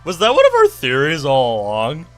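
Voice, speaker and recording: Bright-voiced young man co-host. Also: medium pitch, huge pitch swings, soft background music. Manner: easygoing, quick to laugh. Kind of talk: casual chat while playing.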